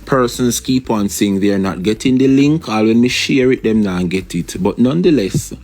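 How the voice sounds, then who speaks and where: A man's voice: fairly low pitch, moderate pace, darkish tone. A man with a Jamaican accent giving casual political commentary, emphatic and repetitive, slipping into patois.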